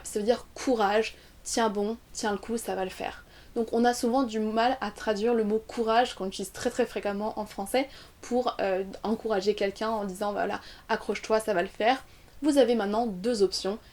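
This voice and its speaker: French woman slowly repeating English phrases. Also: on the high side, a little mellow. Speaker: English teacher. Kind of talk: French-language English lesson.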